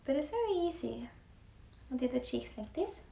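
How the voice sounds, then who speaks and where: Streaming live on her phone as she paints, this young musician from Norway talks to fans softly in her Norwegian accent, frequently slipping into near-whispers. Her voice sits high and sing-song, with vocal fry at a moderate pace, and the room is echoey with a faint hiss.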